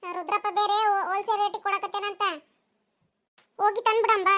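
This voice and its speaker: A woman's voice: extremely high pitch, fairly even intonation, fast talker, fairly bright tone. A woman voicing a nosy, teasing village gossip with a North Karnataka Kannada accent. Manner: teasing, prying.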